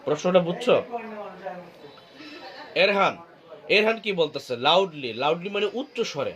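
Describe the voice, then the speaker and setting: A man with a Bangladeshi Bengali accent teaching a class, slowly repeating words and asking students questions. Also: sits high, expressive, a crowd in the background. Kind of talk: class lecture.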